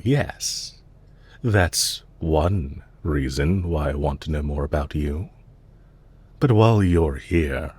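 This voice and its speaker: A man portrays a suave, calculating villain leader in an intimate audio roleplay, talking softly and politely to the listener with measured, lightly teasing courtesy. The voice is rumbling low, slightly rough, and exaggerated.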